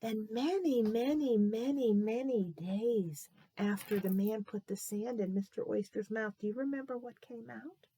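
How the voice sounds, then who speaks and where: A woman telling a children's Bible story in an animated way, often stopping to ask the young listeners questions. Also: a little high, measured pace, hardly any pauses, slightly rough, dry recording.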